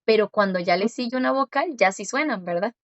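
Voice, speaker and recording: A woman teaching a Korean lesson in Spanish, explaining step by step and repeating words slowly. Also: mid-range voice, lively intonation, no room sound, lo-fi sound. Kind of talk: one-on-one language lesson.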